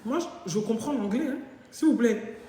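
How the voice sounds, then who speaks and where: A woman's voice: on the high side, moderate pace, slight background noise. Woman telling stories in an echoey room. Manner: animated, jokey, acts out both sides of dialogue. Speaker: live-stream host. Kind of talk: casual storytelling monologue. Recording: very echoey room with long reverb.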